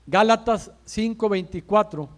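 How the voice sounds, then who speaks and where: Man, pastor, church sermon, fairly high voice, rhetorical questions, emphatic pauses. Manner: addresses listeners as brother.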